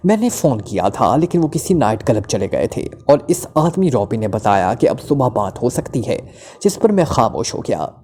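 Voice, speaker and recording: A man's voice: medium pitch, big pitch swings, normal speed, a little mellow, husky. A man voices a terrified male club owner who stammers and trembles under interrogation, then talks on and on. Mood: frightened.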